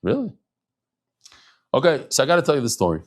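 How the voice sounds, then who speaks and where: A middle-aged man with a mid-range voice teaches a casual daily Talmud class at a brisk clip. He is lively and chatty, mixing in Hebrew and Yiddish terms.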